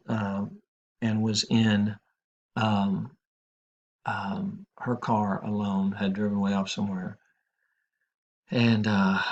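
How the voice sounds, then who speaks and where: A middle-aged man teaching a crisis counseling class, talking informally with many fillers and restarts. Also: lowish voice. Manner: rambling, many fillers and restarts, frank anecdotes. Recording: dull lo-fi classroom recording.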